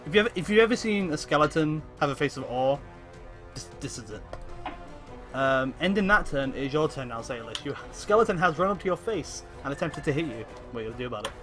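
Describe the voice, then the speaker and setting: A man's voice: a little high, animated, brisk, over music. A man running a tabletop game as game master, narrating the action in a hesitant, apologetic way, full of fillers and restarts.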